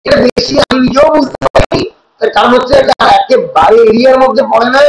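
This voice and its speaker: A high-pitched man with a Bengali accent teaches a class, explaining step by step and checking in with rhetorical questions. The room is echoey around his voice. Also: a little hiss or hum. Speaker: college teacher. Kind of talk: lecture in Bengali mixed with English.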